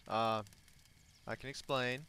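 A man's voice: mid-range voice, steady tone, slow pace, bright, forceful tone. Casual young male gameplay host, easygoing, chuckly, noisy background. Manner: laid-back, laughs often, talks to himself while playing. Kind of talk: casual gameplay commentary, reading game text aloud.

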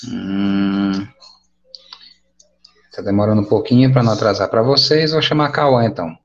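A man's voice: fairly low pitch, normal speed. A man with a Brazilian Portuguese accent teaching an English class over a video call, patient and encouraging in a casual way. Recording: dull lo-fi online class audio.

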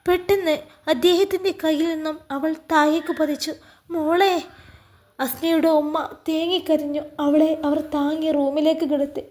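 A woman's voice: high-pitched, fairly even intonation, normal speed, a little mellow. A woman from Kerala, narrating a sad family story and voicing its characters with tearful, dramatic delivery. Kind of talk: emotional story narration with acted dialogue.

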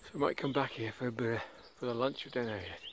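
A man's voice: medium pitch, fast talker, noisy background. A middle-aged man, chatting casually on a forest hike and pointing out what he sees with plenty of enthusiasm. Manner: enthusiastic, rambling, points things out on a walk. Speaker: vlogger. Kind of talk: casual outdoor narration. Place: forest, outdoors. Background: birdsong and forest ambience.

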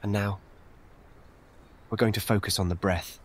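Leading a scripted meditation, a man speaks with fairly low pitch, keeping his instructions short, gentle and soothing in a calm, steady rhythm.

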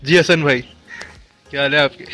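A young man with a Pakistani Urdu accent, talking loosely to the camera as a vlogger. His voice sits fairly high. Soft music plays underneath. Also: moderate pace. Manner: excited, shouting and laughing with friends; chatty walkthrough tour. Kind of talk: casual group vlog.

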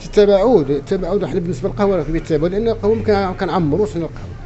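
A man's voice: sits high, racing, dark tone, soft background music. A man in his forties with a Casablanca Moroccan accent, complaining emphatically and repeating himself in a spontaneous interview. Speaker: café owner being interviewed. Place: inside a small café, behind the counter. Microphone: handheld reporter microphone. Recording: muffled sound with faint background noise.

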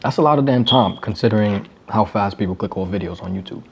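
A man's voice: on the low side, fast talker, creaky, darkish tone, slight background noise. Man chatting while eating cereal. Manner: casual, wry, talks while eating cereal. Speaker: YouTuber. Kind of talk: casual vlog commentary.

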